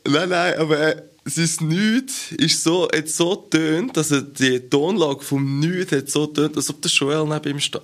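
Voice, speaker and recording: A man's voice: fairly high pitch, a little slow, hardly any pauses. Swiss german guy cohosting a podcast, chatty, laughs a lot, imitates people mid-story. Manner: mocking, acts out quoted voices, laughs often. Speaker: podcast co-host. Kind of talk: casual chat.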